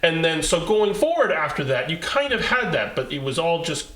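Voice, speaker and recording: A man co-hosting a casual movie podcast, animated and quick to laugh, often trailing off and restarting. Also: on the high side, roomy sound, poor audio. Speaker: podcast co-host. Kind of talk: casual chat.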